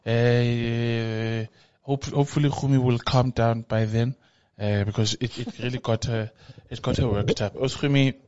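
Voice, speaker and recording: A man's voice: medium pitch, fairly even intonation, measured pace, a little mellow, clean tone, lo-fi sound. A man in his thirties with a South African accent, chatting playfully and boastfully as a podcast co-host, a little rambling. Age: 30s. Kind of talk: casual chat.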